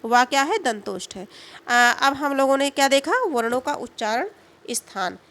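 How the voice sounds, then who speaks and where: A woman teaching a Hindi grammar lesson, asking the class questions and answering them herself, and sounding out letters slowly. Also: high voice, a bit bright.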